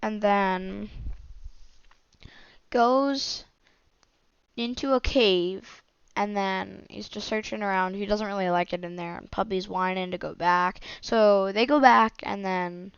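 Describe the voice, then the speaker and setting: A woman telling a made-up adventure story on a podcast, rambling from one event to the next, in a smooth voice with some creak. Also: mid-range voice, slow pace, dry recording. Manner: rambling, strings events with "and then". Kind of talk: improvised story narration. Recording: dull lo-fi dry recording.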